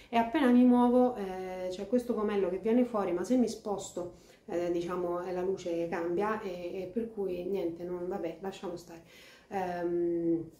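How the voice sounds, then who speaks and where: A woman's voice: on the low side, mellow. A woman in her thirties with a Sicilian accent, introducing herself informally to camera in a hesitant, flustered, apologetic way. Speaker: actress. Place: plain room in an apartment. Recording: echoey indoor room.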